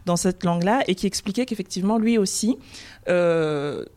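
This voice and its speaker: A woman's voice: lowish voice, moderate pace, dark tone. A woman hosting a podcast interview, asking attentive questions and reflecting on her guest's answers. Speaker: podcast host.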